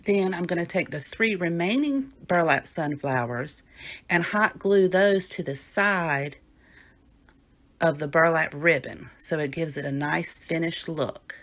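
A woman's voice: low-pitched, a little slow. A woman narrating a home decor craft tutorial step by step, sounding stuffy from a cold, with friendly asides to her viewers. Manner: gentle step-by-step explaining, chatty asides to viewers. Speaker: DIY home decor creator.

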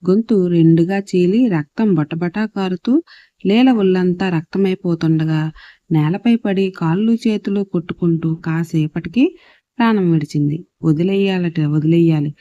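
Woman storyteller with a dark voice. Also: lowish voice, normal speed, dry recording, highs cut off. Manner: steady, even reading. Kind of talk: scripted narration.

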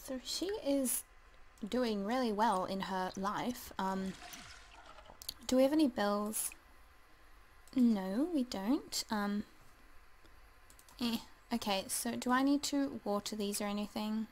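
Woman gamer, slow easy delivery, lots of ums, chats to her sims, faint hum and mouse clicks behind. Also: medium pitch, rough recording. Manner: chatty, hesitant with many ums, talks to the game figures. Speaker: let's play gamer. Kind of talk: casual gameplay commentary.

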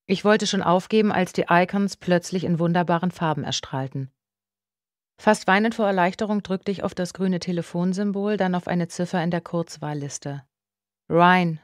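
A woman reading a thriller audiobook aloud in the first person, with hushed, tense, measured storytelling. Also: lowish voice, no room sound, clean studio sound. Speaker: audiobook narrator. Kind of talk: scripted thriller audiobook narration.

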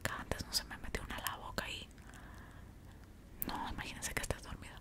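A young woman with a Mexican accent whispers a casual ASMR storytime while chewing gum, close to a desktop microphone. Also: fairly quick. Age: young adult. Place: small indoor room. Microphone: large desktop microphone up close.

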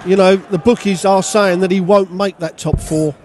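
A man's voice: sits high, fairly even intonation, normal speed, a little mellow, slight background noise. A man co-commentating on a darts match, giving chatty, opinionated analysis of the players. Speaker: darts pundit. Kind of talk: live sports commentary.

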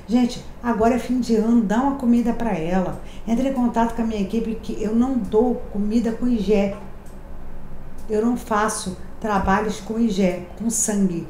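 Speaking to camera from a decorated room in her home, this tarot reader and channel host delivers her daily reading in a warm, medium-pitched voice. She's a Brazilian woman in her thirties with a Rio de Janeiro Portuguese accent, and her manner is chatty, affectionate and confiding, full of emphatic repetitions. The room is echoey and carries a faint hiss.

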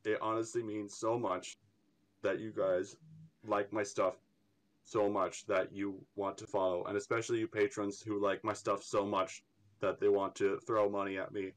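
A young artist from Ireland speaks as an interview guest in a voice on the low side, with a level tone and moderate pace. Casual and rambling, he stammers and laughs frequently, and his Irish accent carries a touch of American.

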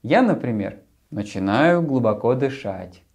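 A man in his thirties presenting to a young child as a children's show host, speaking in a friendly, simple and deliberate way into a lapel mic. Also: mid-range voice, lively intonation, a little mellow. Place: small furnished room, later a martial arts hall.

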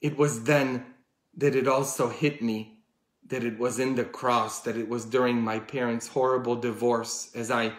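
Male priest, middle-aged, heartfelt sermon, medium pitch, roomy echo. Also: level tone, moderate pace. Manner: emotional, swinging between loud pleading and quiet intimate tones. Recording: echoey room.

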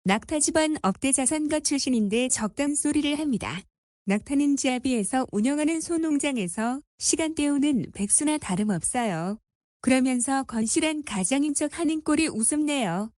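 A woman's voice: high-pitched, expressive, moderate pace, darkish tone, no echo, studio quality. A woman reading scripted voice-over commentary in a scornful, mocking tone. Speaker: commentary narrator.

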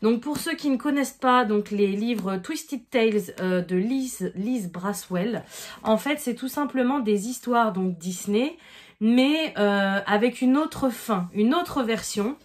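A woman in her thirties chats casually in a vlog while unboxing gifts from subscribers, gushing with delight and thanking people again and again. Her voice is on the high side, animated, and slow.

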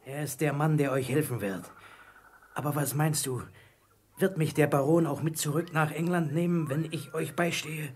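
In a German radio play, a male actor portrays a marooned, repentant old pirate who comes across as wary yet eager and reassuring. His voice is husky and creaky, a little high, delivered at a moderate pace in a theatrical, confiding way.

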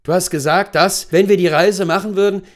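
A man's voice: high-pitched, fairly even intonation, a little fast, pitched above the performer's own voice, natural voice. A man reading the part of a bitter, humiliated rich husband who snaps resentfully. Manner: sharp, resentful outbursts.

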